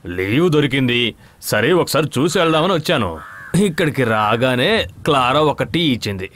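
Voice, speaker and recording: An actor playing a gentle, fatherly older man visiting his married daughter in a dubbed film. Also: mid-range voice, expressive, brisk, natural voice.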